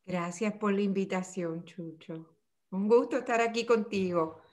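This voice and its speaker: In a remote interview, an older woman from Puerto Rico with a Puerto Rican Spanish accent talks about her life. Her medium-pitched voice is a little mellow, and she speaks reflectively and unhurriedly, often restarting sentences.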